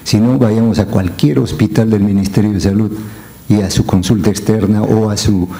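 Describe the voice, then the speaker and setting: A man speaking as a panelist at an academic conference, measured and reflective, pausing often on fillers. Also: lowish voice, fairly even intonation, warm tone.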